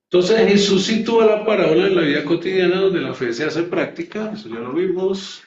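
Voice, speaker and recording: Here a man with a high-pitched voice speaks a little fast, leading a Bible class in sermon fashion. He emphasizes his points and poses rhetorical questions to the group, captured by a distant mic that sounds echoey and dull.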